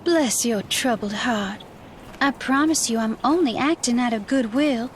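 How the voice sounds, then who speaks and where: An actress playing a playful, mysterious all-seeing fortune teller in a video game, with a theatrical, coy, mystical manner. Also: female voice, fairly high pitch, a little slow, a little hiss or hum, lightly acted. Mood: reassuring. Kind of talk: video game character acting.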